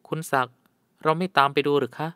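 A woman's voice: quick pace, fairly bright tone, no echo, clean studio sound, natural voice. A male narrator voicing a frightened young woman traveler with a trembling, anxious voice. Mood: pleading.

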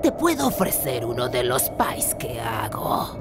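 A woman voicing a stern, creepy old granny in an animated horror parody. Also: sits low, normal speed. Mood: wary, stern. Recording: loud music behind.

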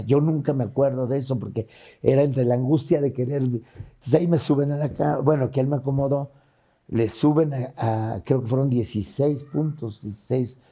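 A man's voice: medium pitch, creaky, mellow, breathy edge. An older man with a Mexican accent, a guest in a casual interview, retelling a hard time in an earnest, emotional way.

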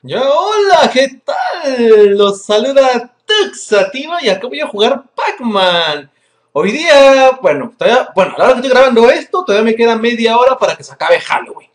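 A man with a Peruvian accent hosting a gaming video, telling a story between constant swearing and excited outbursts at the game. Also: very high voice, moderate pace. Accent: Peruvian Spanish. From Peru. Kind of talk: casual gameplay commentary. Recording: echoey room under loud music.

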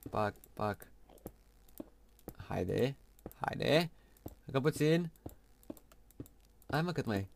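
A man commentating his own gameplay, swinging from quiet muttering to loud shouts at the screen. His voice sits at an ordinary middle pitch. A steady noisy hiss runs under the recording. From Romania. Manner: excitable, shouts at the game, mutters to himself. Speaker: gaming video host.

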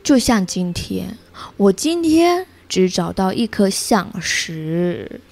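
Woman voicing an expressive, slow storybook squirrel for toddlers. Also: mid-range voice, creaky, soft background music, heavily acted. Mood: exasperated. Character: exasperated squirrel in a children's storybook.

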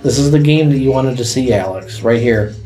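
A man's voice: medium pitch, brisk, warm tone, soft background music. A young man giving laid-back, casual commentary on a video game, swearing now and then and telling the player where to go. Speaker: let's play host.

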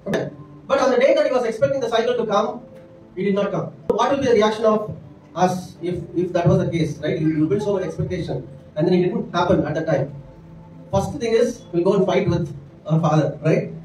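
Speaking briskly in a high pitch, a middle-aged pastor with an Indian English accent preaches from a church stage into a handheld mic. His sermon is earnest and full of "right?" and "amen" asides. Background noise and the echo of the church room come through, since the mic is placed at a distance.

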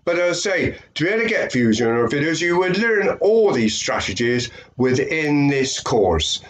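A slightly high, sing-song voice at a moderate pace belongs to an older British affiliate marketer. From a small room, nasal with a cold, he gives a meandering webcam talk packed with fillers and repetition.

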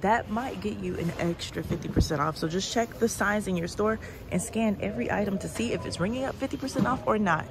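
A woman's voice: mid-range voice, brisk, background noise. A woman recorded on her handheld phone as she walks through a large indoor store, chatting casually to viewers. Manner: chatty, walking while talking, addressing viewers directly. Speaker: shopping vlogger. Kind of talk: casual walk-and-talk store tour. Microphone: phone held in hand.

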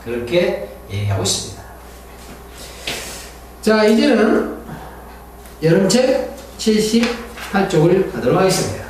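Man, English teacher, lecture, emphatic word drills, high lively pitch, slow, echoey distant recording. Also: slight background noise. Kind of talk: classroom lecture. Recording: echoey room picked up from afar.

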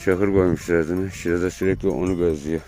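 Brief: male shepherd, very low voice, calm outdoor commentary to viewers, steady noise and bleating sheep behind. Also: quick pace. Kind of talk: casual vlog narration while herding. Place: outdoor hillside pasture under overcast sky.

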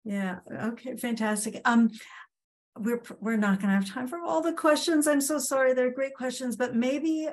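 A woman's voice: sits high, steady tone, normal speed. Chatty woman moderating a lecture Q&A. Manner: chatty, apologetic, many fillers.

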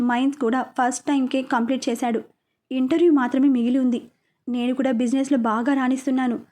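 A woman telling a first-person story in a scripted, emotive style. Her voice is high and mellow, with a steady storytelling pace.

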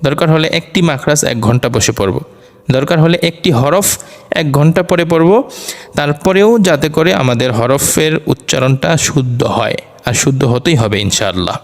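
A man teaching Quran letter pronunciation, explaining slowly and repeating each Arabic letter over and over for practice. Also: on the high side, lively intonation. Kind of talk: slow explanatory lesson with drilled letter sounds. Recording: long reverberant room echo.

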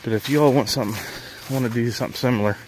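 A man's voice: mid-range voice, rapid-fire, a little mellow, a little hiss or hum, low-quality recording. A middle-aged man, chatting casually in a walk-and-talk vlog, plain-spoken and rambling, filmed outdoors and in his truck. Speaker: vlogger. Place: outdoors on a rural property and inside a truck.

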